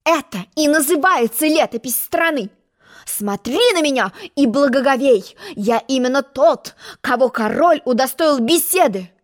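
A woman voicing a pompous, boastful egg-shaped male character in a storybook reading, haughty and quick to take offense. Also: high voice, lively intonation, pitched above the performer's own voice.

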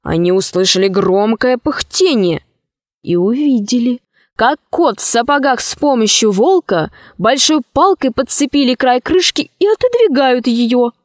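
Woman reading a kids fairy tale, slow and expressive, highish voice, dry sound. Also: no echo. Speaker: narrator.

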